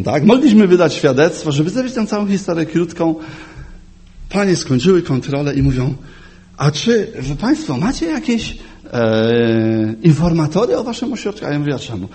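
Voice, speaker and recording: A man preaching a sermon, telling a story and acting out the voices in his quotes. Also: on the high side. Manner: animated, acts out quotes, chuckles often.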